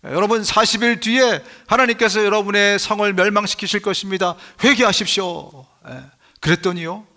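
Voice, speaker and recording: A man pastor preaching a sermon, telling the story with animated emphasis and speaking straight to the congregation. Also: fairly high pitch.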